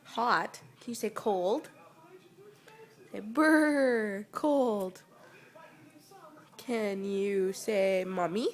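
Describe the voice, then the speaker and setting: A mother in a home video, patiently coaxing her toddler to repeat words, saying each one slowly and clearly. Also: medium pitch.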